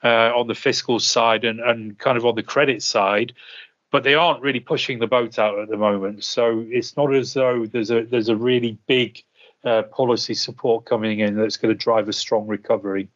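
A man's voice: medium pitch, steady tone, moderate pace, fairly bright tone. Hesitant man giving market commentary, dull sound. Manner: hesitant, hedging, repeats words as he thinks. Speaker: investment strategist, interview guest.

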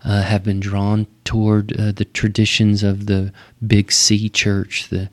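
Low-voiced, halting West Texas man. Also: monotone. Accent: West Texas twang. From West Texas, United States. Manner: halting, thoughtful, pausing often mid-phrase. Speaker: Baptist pastor. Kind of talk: conversational explanation in an interview.

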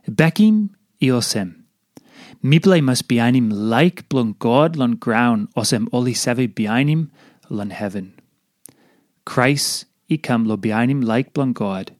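A man's voice: on the high side, darkish tone, no echo, clean studio sound. Papua New Guinean man reading devotional in pidgin. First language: Papua New Guinea Tok Pisin. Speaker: devotional reader.

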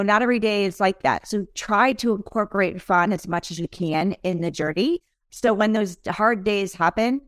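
A woman's voice: on the low side, no room sound, clean studio sound. A woman hosting a casual interview podcast, upbeat and encouraging, talking in long rambling runs. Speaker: podcast host.

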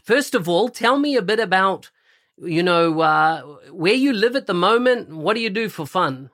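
A man's voice: high voice, expressive, normal speed, a bit bright. A man hosting a podcast interview, reading a sponsor spot and then asking a guest questions in an eager, upbeat way. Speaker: podcast host.

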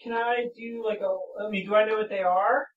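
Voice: mid-range voice, steady tone, brisk. A person playing a tabletop game in an easygoing way. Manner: easygoing, laughs often. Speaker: player. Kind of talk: casual tabletop play. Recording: echoey, dull, distant mic.

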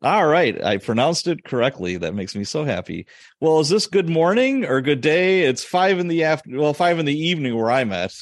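A man's voice: on the high side, animated, moderate pace, dry recording, clean studio sound. A man in his forties hosting a podcast, chatting casually and laughing often as he tells stories. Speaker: podcast host. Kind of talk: casual interview chat.

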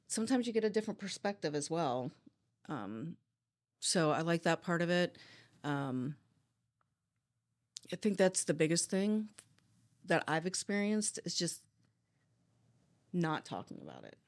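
A woman whose job is police dispatching speaks in a low, sing-song voice with no echo. Answering interview questions, she is open and reflective but restarts often.

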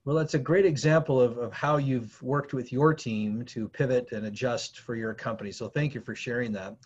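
A man's voice: medium pitch, steady tone, normal speed, darkish tone, breathy edge, dull audio. A man hosting a podcast, reading set questions and giving short, affirming replies. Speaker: podcast host. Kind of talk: scripted interview questions.

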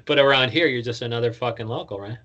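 A man's voice: mid-range voice, fast talker, pushed and bright. A man hosting a casual interview podcast, talking in slangy, swear-filled, run-on questions. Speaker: podcast host.

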